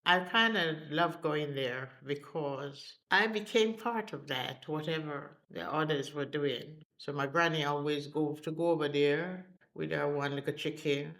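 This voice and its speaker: A man's voice: on the high side, measured pace, hardly any pauses, bright, forceful tone, rough recording. A man with a Caribbean accent, sharing personal memories like a storyteller in dialect phrasing. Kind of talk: personal reminiscence.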